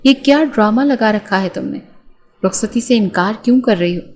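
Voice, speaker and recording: A woman's voice: medium pitch, animated, a little mellow. A woman voicing an angry, domineering young husband in an audiobook, harsh and commanding. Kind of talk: audiobook character reading.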